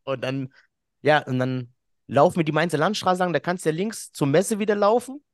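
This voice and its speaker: A man's voice: on the high side, moderate pace, dry recording, clean studio sound. A man, a podcast guest who tells a story in casual chat, laughs often and acts out what people said.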